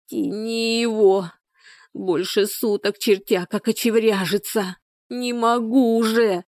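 A woman's voice: a little high, steady tone, slow pace, darkish tone, dry recording, clean studio sound, pitched above the performer's own voice. A woman voicing an exhausted, bitter peasant woman in labor who moans and speaks harshly. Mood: screaming strained. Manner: moaning, harsh, desperate.

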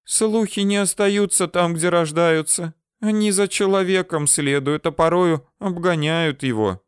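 A man's voice: high-pitched, measured pace, clean tone, no echo, studio quality, pitched above the performer's own voice. A man voicing a scolding young female student. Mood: reproachful. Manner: reproachful, rule-bound scolding.

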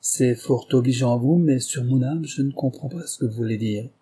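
A man's voice: mid-range voice, normal speed, warm tone, breathy edge, natural voice. A man voicing a stern, sarcastic titled husband who lectures his wife in a curt, condescending way. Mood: cold.

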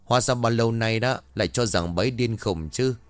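A man voicing an excitable, talkative male villager who exclaims in a raised voice. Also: medium pitch, fairly quick, no room sound, natural voice. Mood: excited.

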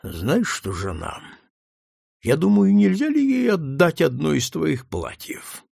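A man's voice: a little high, wildly swooping pitch, takes it slowly, creaky, a little mellow, no room sound, clean studio sound, voice pushed up, exaggerated voice. A man reading the part of a middle-aged senator, asking blunt questions. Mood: questioning.

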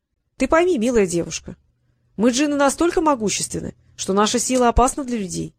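A woman's voice: on the high side, big pitch swings, brisk, creaky, dry recording, clean studio sound, heavily acted. A woman reading an audiobook, voicing a sly, evasive male genie who is thousands of years old, with a wheedling, mock-respectful manner. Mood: scheming.

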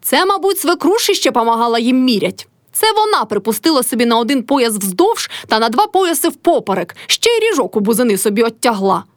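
A woman reading aloud, voicing a hot-tempered young peasant wife who scolds and shouts. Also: fairly high pitch, big pitch swings, fairly quick, no echo, studio quality. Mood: angry.

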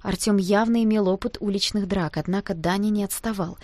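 A woman's voice: mid-range voice, brisk, no room sound. Woman narrating a first-person audiobook. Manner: lively, expressive reading.

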